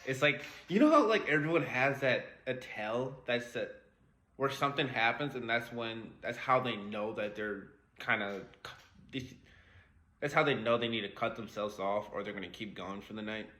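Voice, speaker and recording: A man's voice: mid-range voice, moderate pace, bright, forceful tone. A young man, a podcast co-host, chatting casually, laughing often and using slang. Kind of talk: casual chat.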